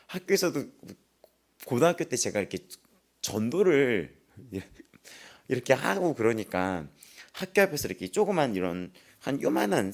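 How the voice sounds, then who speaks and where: Preaching at an early-morning service, this man tells lively personal anecdotes, laughs frequently and performs the voices of people he quotes. He has a medium-pitched voice with vocal fry.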